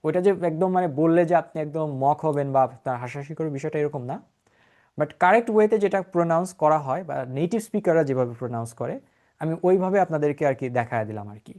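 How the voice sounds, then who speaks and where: A man with a Bangladeshi accent leads an online spoken English class over a computer mic. He explains in Bengali with English phrases mixed in. He keeps pausing to check that students follow. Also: a little high, darkish tone. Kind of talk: online class with screen share.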